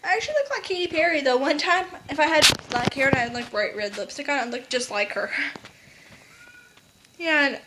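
A woman's voice: high-pitched, lively intonation, brisk. A teenage girl vlogging casually to her webcam, hyper, giggly and rambling. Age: teens. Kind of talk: casual chat to camera. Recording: noisy webcam recording.

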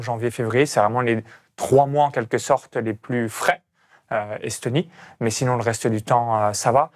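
A man from France with a Burgundy accent, hosting a casual interview and talking emphatically with many fillers. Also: medium pitch. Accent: Burgundy French. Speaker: host.

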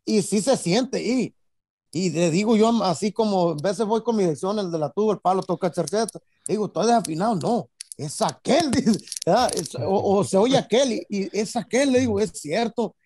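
High-voiced Mexican man chatting loosely. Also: normal speed, dark tone, no room sound. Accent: Mexican Spanish. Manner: rambling, full of tag questions and fillers. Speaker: guest musician. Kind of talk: casual interview chat.

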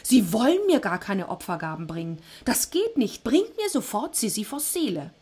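A woman's voice: medium pitch, sing-song, moderate pace, darkish tone, husky. A woman voicing an angry, greedy male god of the underworld who gives commands indignantly.

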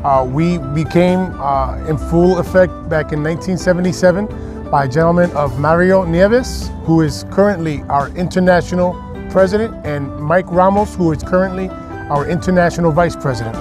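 American man, higher-pitched, music behind. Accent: American, heard also in his Spanish. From New Jersey, United States. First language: English. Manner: halting American-accented Spanish, switching into English. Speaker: motorcycle club president. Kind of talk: interview answers. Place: outdoors in a parking area.

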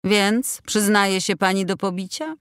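A woman's voice: mid-range voice, a little slow, clean tone, no echo, studio quality, voice pushed up, lightly acted. A woman reading a cold, curt male boss. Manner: calm, curt, bureaucratic. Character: cold, dismissive male company director. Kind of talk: audiobook dialogue reading. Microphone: close studio mic.

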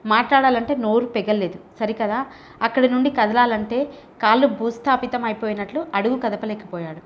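A woman's voice: on the high side, brisk, lo-fi sound. Woman narrating a story. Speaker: audiobook narrator. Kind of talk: scripted narration.

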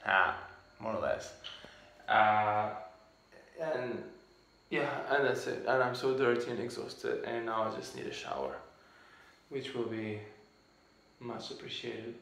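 Travel vlogger, thirties, chatty and thinking aloud, phone at arm's length, noisy outdoor recording. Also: male voice, medium pitch, steady tone, slow, vocal fry. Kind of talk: casual vlog talk to camera. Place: outdoors on rural roads and by a waterfall. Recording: loud traffic and outdoor noise.

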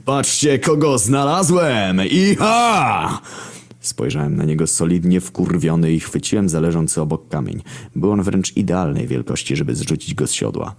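A man narrating a first-person story in a deadpan, heavily profane manner. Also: a bass voice, a little fast, creaky.

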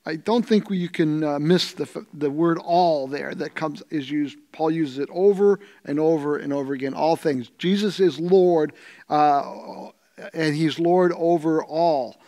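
A middle-aged man with a Canadian accent, a pastor teaching through a scripture passage, thoughtful and pausing over his words, seated in a church studio with a lapel mic. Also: fairly high pitch, mellow. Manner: thoughtful, searching for words with fillers and restarts.

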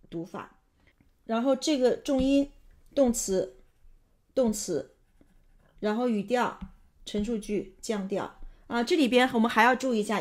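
A woman's voice: medium pitch, darkish tone. Woman explaining pronunciation step by step. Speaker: host and pronunciation tutor.

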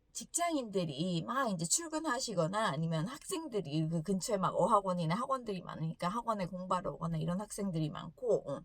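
A woman hosting a casual English lesson, her pitch rising and falling freely as she tells a story. She laughs often between sentences, and the sound is close and dry with no room echo. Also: a bit bright. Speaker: English teacher and host.

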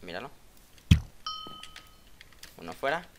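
A man giving live gameplay commentary, taunting opponents and repeating phrases, swinging from muttering to loud outbursts. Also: on the low side, very animated, slow, creaky, background noise. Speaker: gaming channel host. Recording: keyboard clicks and typing behind voice.

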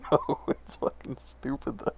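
A woman's voice: measured pace, dark tone. A woman streaming an online game with a friend, laughing a lot and swearing freely in casual chat. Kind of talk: casual chat while gaming.

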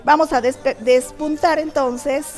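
A middle-aged woman with a bright, high voice teaches a cooking segment in a TV studio kitchen. She chats to viewers and walks through each technique step by step. Soft music plays faintly behind her. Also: fairly even intonation, slow pace. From Ecuador. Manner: chatty, explains technique step by step, addresses viewers directly. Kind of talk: cooking show demonstration.

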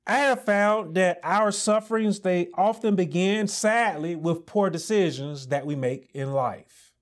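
A pastor in his thirties, his voice sitting high, preaches a sermon that builds to emphatic repeated lines broken by deliberate pauses. He's recorded on a lapel mic in a small indoor church office set up with a pulpit.

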